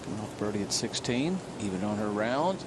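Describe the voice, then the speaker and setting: A man with a fairly low, lively voice works as a golf commentator on live television. His delivery moves between brief appraisals and description, over loud outdoor noise. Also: fairly quick.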